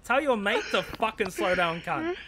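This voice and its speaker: A man's voice: sits high, big pitch swings, moderate pace, heavy background noise. A man with a broad New Zealand accent chatting casually in a police role-play game, sweary and matey, full of slang. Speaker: streamer playing a police officer.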